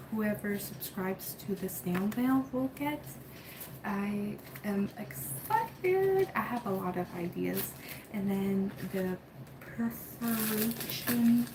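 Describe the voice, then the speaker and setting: A soft-spoken woman talks slowly through a casual unboxing vlog at home. She rambles and leans on fillers. A steady hum of room noise sits behind her voice. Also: medium pitch, creaky. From Cuba. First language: Spanish. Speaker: coloring book creator and channel host.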